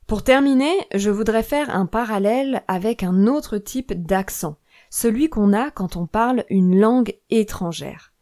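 A woman hosts a podcast lesson for learners of French. She speaks in a clear, measured, explanatory way, with her voice at an ordinary middle pitch. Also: a little mellow. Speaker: French teacher and podcast host.

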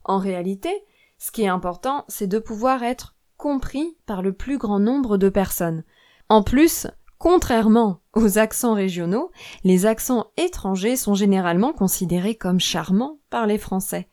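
A woman who teaches French, hosting a scripted podcast lesson and explaining in a clear, measured way. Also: mid-range voice, expressive, warm tone.

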